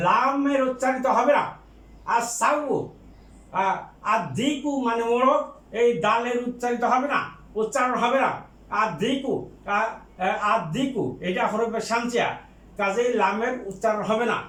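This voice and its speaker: High-voiced man teaching grammar, echoey. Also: a bit bright. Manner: repeats each word slowly, explains in plain spoken terms. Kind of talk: recorded online lesson.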